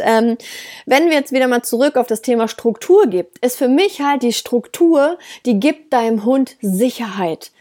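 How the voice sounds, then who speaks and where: A woman's voice: high-pitched, a little mellow. A woman dog trainer talking casually and bluntly to her listeners, laughing often and hitting words hard. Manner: direct, blunt, with frequent laughs and emphatic stresses.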